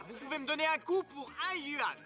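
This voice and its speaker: An actor playing a young street performer in a French film dub, calling out to passers-by like a market crier. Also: male voice, very high voice, animated, fairly quick, music in the background, crowd noise. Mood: crying out, showy. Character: young male street performer drumming up a crowd. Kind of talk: French-dubbed martial arts film dialogue.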